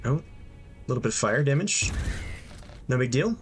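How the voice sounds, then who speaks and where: A man's voice: mid-range voice, expressive, normal speed. A young man giving casual gameplay commentary, thinking aloud with frequent ums and dry asides. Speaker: gameplay streamer. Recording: game music playing underneath. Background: game music.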